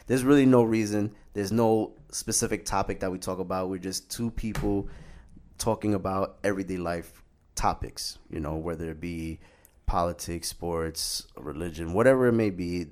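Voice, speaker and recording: A man's voice: low-pitched, moderate pace, darkish tone. A man co-hosting a casual podcast, chatty and rambling, laughing easily as he talks. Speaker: podcast co-host. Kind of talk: casual chat.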